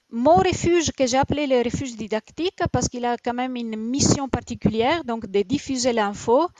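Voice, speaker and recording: A woman in her forties from Italy answers interview questions in French with an Italian accent, appearing as a guest who founded a rabbit shelter. She sounds hesitant, with many fillers and restarts. Her voice is on the high side and a little mellow, with no echo.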